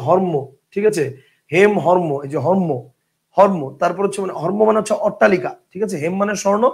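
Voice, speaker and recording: Male teacher, lecture delivery, fast and gravelly, drills words by repetition. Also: high voice. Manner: explains rules with many examples, checks "ঠিক আছে?"; repeats words slowly to drill spelling. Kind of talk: online class lecture.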